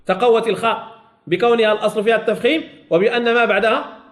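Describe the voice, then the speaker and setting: A man with a Moroccan Arabic accent teaching a Quran recitation class. He corrects his students and stretches out sample words slowly, saying them again and again. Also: very high voice, steady tone. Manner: corrects students and checks they follow. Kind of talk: classroom tajweed lesson.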